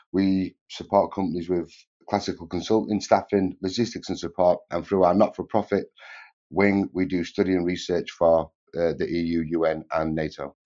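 A man's voice: sits low, mellow, highs cut off. A man who founded a consulting firm, introducing himself on a panel.

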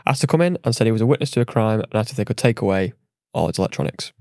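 A man's voice: fairly low pitch, animated, gravelly, a little mellow, dry recording. Man co-hosting a podcast, dry sound. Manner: playful, brisk interjections. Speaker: podcast co-host. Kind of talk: casual chat, reading out a listener email.

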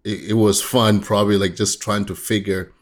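A man from Tanzania, a guest in a casual interview, talking haltingly with frequent restarts and laughter. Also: lowish voice, flat delivery.

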